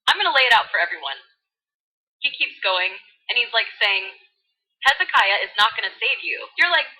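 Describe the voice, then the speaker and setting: A woman's voice: on the high side, bright, forceful tone, low-quality recording. A woman with a Californian Valley Girl accent retells a story in gushing, sassy slang full of fillers. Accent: American, Californian Valley Girl.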